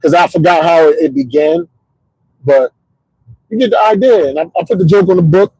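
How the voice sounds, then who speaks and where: A middle-aged man hosting a casual livestream, rambling in an animated, motivational way with lots of repeats and "you know what I'm saying". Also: a little high, moderate pace, husky, dry recording, low-quality recording. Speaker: host.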